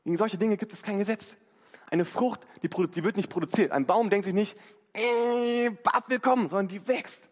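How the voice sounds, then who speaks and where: A man's voice: high voice, fairly quick, darkish tone. A man in his twenties preaching a sermon in a casual, slangy way, acting out inner voices, recorded in a church hall. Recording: long hall reverb.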